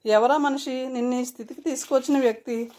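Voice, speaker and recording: Brief: earnest, anxious young brother for a novel reading, read by a woman with a slightly high voice. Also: steady tone, brisk, warm tone, natural voice. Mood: earnest pleading. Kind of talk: audiobook character reading.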